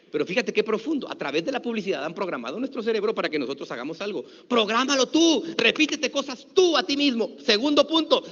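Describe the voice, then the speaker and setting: A middle-aged man with a Mexican accent, giving a lively motivational talk and leading a conference crowd in chants. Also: high-pitched. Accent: Mexican Spanish. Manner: energetic, leads crowd in call-and-response chants. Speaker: motivational speaker. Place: large conference hall. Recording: dull, lo-fi audio with long hall reverb.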